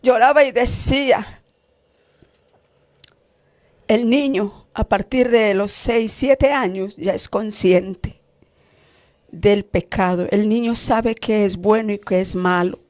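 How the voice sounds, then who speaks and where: A woman's voice: mid-range voice, a little mellow, dry recording, clean studio sound. A woman preacher giving an emotional testimony sermon, fervent and emphatic, breaking in with hallelujahs. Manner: slow, emphatic delivery.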